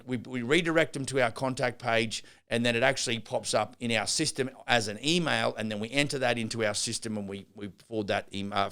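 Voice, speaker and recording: Hosting his business podcast without a script, a middle-aged builder wanders through his monologue with fillers and restarts. The mid-range voice is gravelly yet smooth, with a slightly bright quality.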